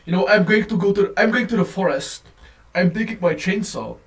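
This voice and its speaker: A man's fairly high voice rants on in a casual, profane, rambling way. It sounds like a low-quality phone recording, with the speaker set some way off from the mic. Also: animated, fairly quick, creaky, recorded from a distance. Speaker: vlogger. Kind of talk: casual rant to camera.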